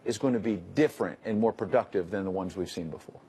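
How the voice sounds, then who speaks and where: A middle-aged man anchoring a cable news show, brisk and wry as he reads tweets and interviews a guest. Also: low voice, dark tone, husky. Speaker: news host.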